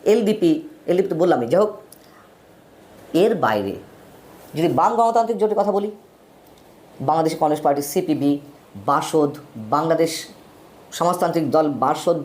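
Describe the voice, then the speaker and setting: A man hosting a solo political talk show, emphatic, his pitch swinging widely from phrase to phrase. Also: darkish tone. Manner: lists names in quick runs. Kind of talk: solo political commentary to camera.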